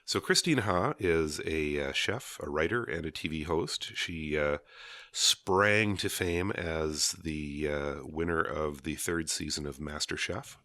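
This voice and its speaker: Very deep gravelly man, hoarse. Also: slow pace, pushed and bright, no echo. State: hoarse, voice recovering from illness. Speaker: podcast co-host. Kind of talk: casual chat.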